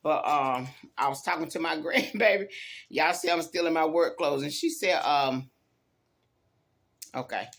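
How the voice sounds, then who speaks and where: This woman, a YouTube vlogger worn out from work, encourages viewers in a folksy, emphatic, casual way, repeating her lines often. She speaks low and unhurried, with long pauses.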